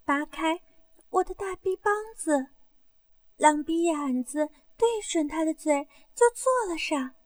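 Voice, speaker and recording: Woman narrator, very high voice, loud and crude, breathless first-person adult story, dry close recording. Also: takes it slowly, no echo.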